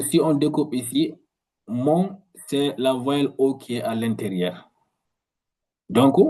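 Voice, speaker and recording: A man teaching a language in a video lesson, explaining slowly and repeating words, often restarting his sentences. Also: mid-range voice, mellow, low-quality recording. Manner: slow, repetitive explanations with frequent restarts.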